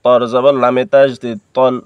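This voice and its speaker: A man with a Bangladeshi Bengali accent teaching Quran reading, spelling out each letter and vowel mark one by one, then reciting the words slowly and drawn out. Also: mid-range voice, level tone, smooth, no room sound, dull audio.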